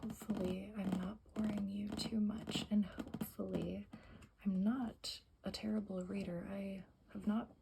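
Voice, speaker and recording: A woman whispering softly in an ASMR style, reading aloud and rambling with self-correcting asides. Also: medium pitch, fairly even intonation, a little slow, gravelly. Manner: whispering and very soft-spoken. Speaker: ASMR creator. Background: faint music playing for plants, background hiss.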